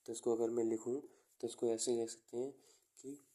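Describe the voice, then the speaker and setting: A man teaching an exam coaching class, explaining with everyday examples and dictating notes slowly. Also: medium pitch, little pitch movement, warm tone. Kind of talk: classroom lecture.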